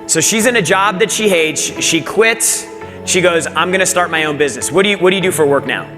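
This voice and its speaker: A man's voice: sits high, expressive, a little fast. A man hosting an onstage interview who talks with a lot of energy and hypes up the audience. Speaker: event host. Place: large event hall. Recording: hall reverb with faint music.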